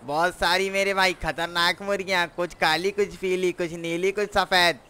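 A man's voice: high voice, steady tone, moderate pace, smooth. A man with a Pakistani Urdu accent doing casual in-character game roleplay, brash and teasing, calling his viewers his sons. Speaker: gaming vlogger and roleplayer. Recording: loud traffic and engine noise.

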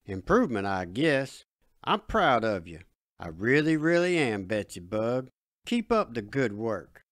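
A drawling redneck father, gruff on top but proud of his daughter, as a man acts him out. His pitch rises and falls freely, and the voice sounds close and dry, like a storybook audio reading. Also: big pitch swings, a little slow, dry recording. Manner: drawling dialect.

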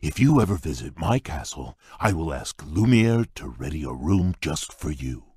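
An actor playing a shy, gentle male beast prince in a game, talking in a halting, bashful way with a husky, rumbling voice. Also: very animated, no room sound, clean studio sound, heavily acted. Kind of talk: game voice clips.

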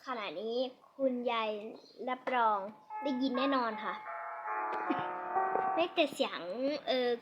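Female let's-play host, high voice, unhurried playful delivery; dull lo-fi sound with music behind. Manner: chatty, playful, self-mocking asides. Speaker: gaming channel host.

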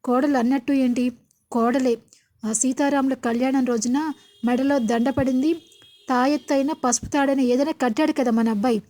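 A woman's voice: high-pitched, steady tone, normal speed, dark tone, natural voice. Woman reading a firm middle-aged husband. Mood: reassuring.

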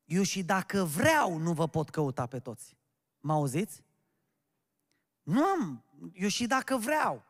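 A pastor preaches a sermon to his congregation in a church hall, emphatic and often calling out questions to them. His high voice has a sing-song quality with long pauses, and the recording carries a long church-hall reverb.

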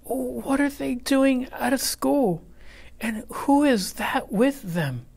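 A man's voice: very high-pitched, animated, slow pace, vocal fry, a little mellow, husky, pitched above the performer's own voice, exaggerated voice. A man voicing a suspicious, under-the-weather female schoolteacher in a storybook, with a scratchy voice.

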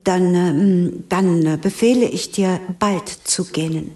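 Woman putting on a pompous old king, bossy, hesitant ums, lowered mellow voice, storybook. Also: slow pace. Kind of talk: storybook reading.

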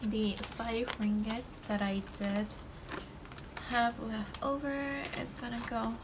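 A young Malaysian woman with a voice on the high side hosts a budgeting channel, counting cash at her indoor desk while an overhead camera frames her hands. Background noise is present, and her casual talk to camera is slow and relaxed, thick with ums and likes.

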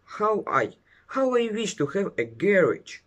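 Guy doing a lil hopeful worried storybook car, high and sing-song. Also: sing-song, measured pace, fairly bright tone, heavily acted. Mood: wistful hopeful. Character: little male car, hopeful and anxious.

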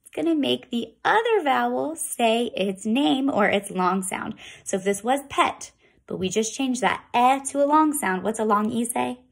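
A woman teaching a phonics lesson to kindergarten children, with slow, sing-song teacher talk and drawn-out sounds. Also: a little high, expressive, gravelly.

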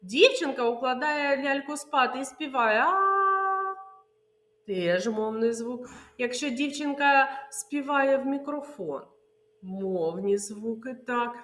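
Woman kindergarten teacher, lively higher voice, slow and sing-song, echoey room. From Ukraine. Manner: sing-song, drawn-out words, answers her own questions. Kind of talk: online preschool literacy lesson.

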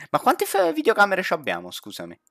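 Gaming streamer on a headset, bright and tense voice, laid-back pace, joking banter with a teammate. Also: mid-range voice, creaky, no echo, clean studio sound. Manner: chatty, laughs often, jokey banter with a teammate. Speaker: streamer playing a horror game with a friend. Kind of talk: casual gaming commentary.

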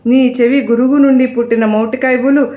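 Brief: woman reading a scared, pleading male deity, higher voice, room echo. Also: steady tone, brisk, dark tone, lightly acted. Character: frightened pleading male creator god.

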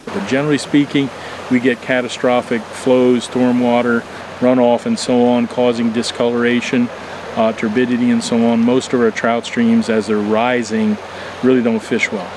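An older man in his sixties answers interview questions beside a stream, explaining in a measured way with plenty of "uh" fillers. His voice is picked up on a lapel mic outdoors. Clear outdoor noise runs behind him. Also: mid-range voice, level tone. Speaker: entomologist and fly fishing instructor.

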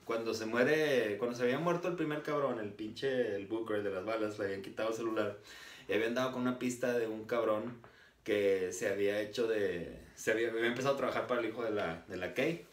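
A man's voice: fairly low pitch, fairly quick. Mexican guy rambling through a movie recap, slangy, laughs a lot, kinda far off the mic. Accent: Mexican Spanish. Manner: slangy, laughing, retelling scenes with acted quotes. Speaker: movie reviewer. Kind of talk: casual spoken film recap. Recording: roomy echo, distant from mic.

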